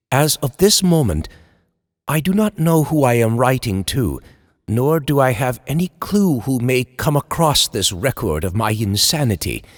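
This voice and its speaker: In a long, reverberant hall echo, a man slowly and eloquently plays a tormented horror writer confessing his descent into madness, his pitch swinging theatrically like an old-time radio chiller. The acting is light, and the mood is desperate and manic.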